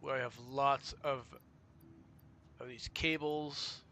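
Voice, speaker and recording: Bright-voiced man thinking aloud. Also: mid-range voice, fairly even intonation, slow, slight background noise. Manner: thinks aloud with fillers and restarts. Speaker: streamer. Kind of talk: casual gameplay commentary.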